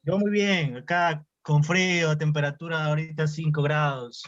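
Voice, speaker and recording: A man's voice: a little high, fairly even intonation, moderate pace, over music. A talkative man from Ecuador, a neurosurgery resident, chatting politely on a video call. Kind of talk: casual video call chat. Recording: dull lo-fi call audio.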